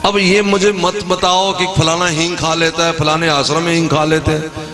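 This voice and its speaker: A man preaching a devotional sermon, telling scripture stories with animated energy and putting questions to his audience. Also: on the high side, normal speed, music in the background. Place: religious gathering before an audience.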